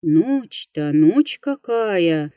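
A woman's voice: medium pitch, takes it slowly, no room sound, muffled recording. A woman voicing a bold young male hunter who speaks in a curt, commanding, irritable way. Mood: urgent.

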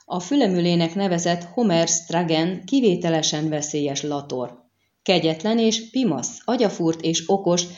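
A woman reading an audiobook and voicing a stern, calculating middle-aged male prefect who speaks with measured contempt. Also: fairly low pitch, highs cut off, natural voice.

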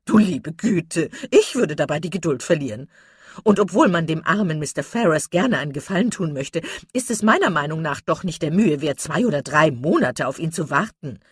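A woman voicing a talkative, gossipy older matchmaking lady in an audiobook, with loud, excited exclamations. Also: sits low, breathy edge, dry recording, studio quality, full character voice. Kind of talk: audiobook character reading.

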